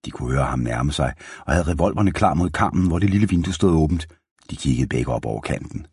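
A man narrating a children's western story in a calm, steady reading voice. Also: very deep voice, breathy edge, dry recording, studio quality.

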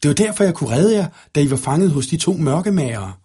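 A man's voice: on the high side, expressive, dark tone, husky, voice pushed up. Brombær, a man doing an eager wolf-boy. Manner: eager, quick. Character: young elf boy turned wolf, eager and proud.

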